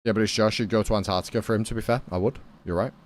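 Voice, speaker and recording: A British man chats to his live viewers while he plays, his voice sitting a little low. He rambles from one thought to the next, blunt and offhand, and swears freely. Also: fairly even intonation, racing. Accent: British English. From Britain. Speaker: game streamer. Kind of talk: casual chat with live viewers.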